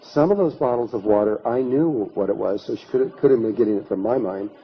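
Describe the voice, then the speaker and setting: A man's voice: lowish voice, fairly quick, a little hiss or hum. Man telling a story at a lecture. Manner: rambling anecdotal telling, acting out quotes. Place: conference hall. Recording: dull lo-fi conference recording.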